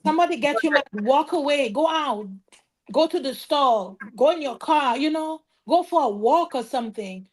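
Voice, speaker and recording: A woman's voice: high voice, lively intonation, normal speed. A woman on a live-streamed roundtable, speaking emphatically and defiantly about her own experiences. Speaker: panelist, domestic violence survivor. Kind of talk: roundtable discussion.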